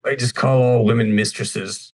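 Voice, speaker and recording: A man's voice: medium pitch, steady tone, normal speed, close to an everyday voice, rough recording. A man voicing a nervous, apologetic prison guard who stammers and rambles politely. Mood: rambling.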